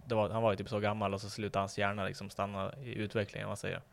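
This young man has a voice sitting a little low and talks in a laid-back, casual way among friends. He swears freely, acts out little bits of dialogue while telling stories, and keeps it loose and relaxed. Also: creaky. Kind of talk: casual chat.

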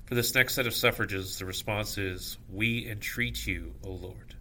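A man officiating at evening prayer, reciting scripture and liturgy in measured, solemn short phrases. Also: fairly low pitch, sharp tone, a little hiss or hum.

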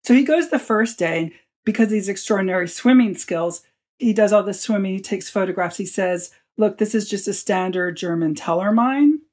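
A man's voice: sits high, normal speed, darkish tone. A man, an author, telling stories as a guest in an interview and acting out the lines he quotes. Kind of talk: storytelling in a podcast interview.

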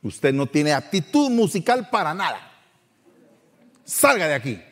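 Gruff music teacher guy, dismissive, as a man puts him on, lively pitch, echoey room. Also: a little slow, heavily acted. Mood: scornful. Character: stern grumpy male music examiner.

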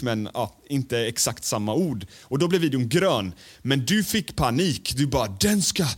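Male co-host, casual chat, frank, cursing, halting delivery, mid-range voice. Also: medium pitch. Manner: frank and swearing, full of hesitant fillers; mimics others in loud raised voices. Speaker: podcast co-host.

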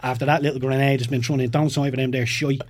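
Male ex-player guest, rapid anecdotal chat, mid pitch. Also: noisy background. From Ireland. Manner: lively anecdotes, laughs while telling. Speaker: podcast guest, former footballer. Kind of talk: casual storytelling chat.

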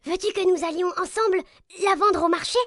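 A woman voicing a hard-working male mosquito who has been cheated, indignant and shouting. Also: very high voice, fairly quick, no room sound, clean studio sound, voice pushed up. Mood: plaintive.

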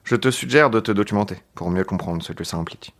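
A man's voice: lowish voice, fast talker. A French man co-hosting a podcast, reading a novel aloud in a mock-dramatic way with joking asides.

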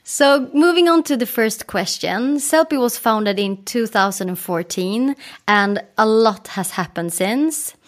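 A woman's voice: on the high side, expressive, a little slow. A woman hosting a podcast, reading scripted introductions and asking questions. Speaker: podcast host.

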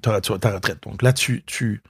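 A man's voice: lowish voice, normal speed, breathy edge, no echo, studio quality. A middle-aged man with a Québécois accent, a comedian guest telling stories in a casual interview, acting out quoted dialogue with many restarts. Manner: storytelling, acts out quoted dialogue; frequent restarts and repeated words.

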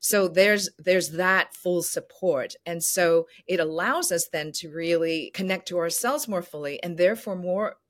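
A woman with a slightly low voice talks as an interview guest. She explains earnestly and conversationally, leaning on key words and piling them into lists. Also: measured pace, few pauses. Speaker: podcast guest, company founder.

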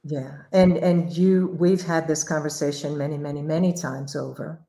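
A woman's voice: sits low, fairly even intonation, normal speed, creaky, mellow, echoey room, poor audio. A woman hosting a livestream conversation, telling stories in an earnest, reflective way. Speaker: livestream host.

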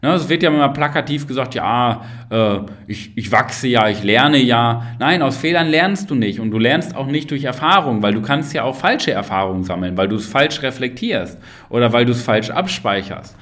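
A man's voice: medium pitch, lively intonation, moderate pace, fairly bright tone. A man hosting a motivational podcast, talking straight to the listener, firing rhetorical questions and tagging on "ja?" and "ne?". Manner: addresses the listener directly with frequent tag questions. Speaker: podcast host and coach.

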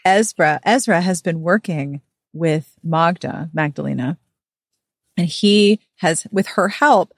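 A woman's voice: lowish voice, slow, no echo, clean studio sound. A woman co-hosting a podcast, summing up a romance novel in wry, blunt, casual chat. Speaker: podcast co-host. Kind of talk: casual book recap chat.

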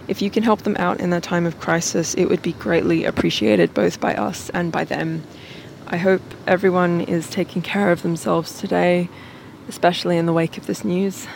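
Woman on a low-quality phone recording. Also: fairly even intonation, moderate pace, gravelly, slight background noise. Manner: earnest, gentle. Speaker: podcast host. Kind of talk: recorded announcement.

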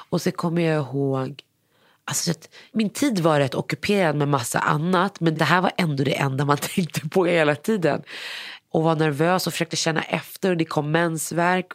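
A woman's voice: low voice, no echo, clean studio sound. A woman in her thirties frankly telling her own story, often acting out the lines of the people in it. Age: 30s. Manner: frank, emotional, acts out quoted dialogue. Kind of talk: personal storytelling. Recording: music playing underneath.

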